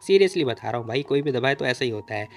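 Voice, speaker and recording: Fast-talking chatty male narrator. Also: mid-range voice, expressive, gravelly, a little mellow. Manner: chatty, informal, addresses listener as brother. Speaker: comic recap narrator. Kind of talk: casual story recap narration. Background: faint music.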